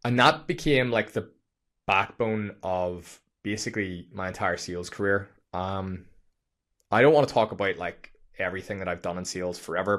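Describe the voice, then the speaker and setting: A young man telling a story on his podcast, energetic and profane, with lots of fillers, speaking into a studio microphone. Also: fairly low pitch. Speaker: podcast host. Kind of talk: casual storytelling monologue.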